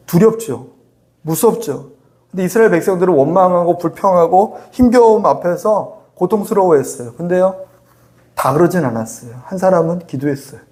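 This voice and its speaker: A man's voice: sits high, a little mellow. A male pastor giving a sermon in a conversational way, asking the congregation questions and acting out prayers. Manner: conversational preaching with rhetorical questions and acted-out prayers.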